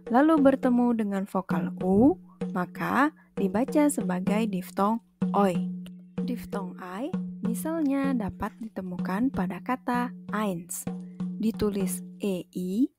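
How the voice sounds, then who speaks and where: Slow, careful woman teacher. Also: medium pitch. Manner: carefully enunciates and repeats example words; addresses viewers as friends. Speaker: German language teacher. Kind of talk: instructional lesson. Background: background music.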